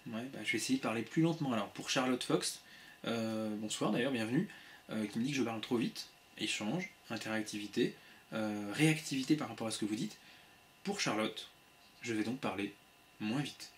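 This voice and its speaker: Playful fast-chatting man on a laptop webcam. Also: mid-range voice, lively intonation, slight background noise. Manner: quick, playful, many restarts, reads chat aloud. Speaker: livestream host. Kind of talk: casual live chat with viewers. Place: home room with shelves of CDs.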